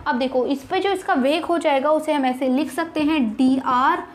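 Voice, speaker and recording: A young woman with a high voice teaches an online chemistry lesson. She works through each problem step by step. She keeps asking her students rhetorical questions and reassures them. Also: normal speed, slight background noise. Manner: addresses students as kids, reassuring.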